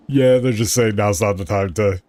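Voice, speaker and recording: A man with a fairly low, slightly mellow voice streams a video game in casual let's-play commentary. He chats and thinks aloud as he plays, loosely paraphrasing the characters' lines.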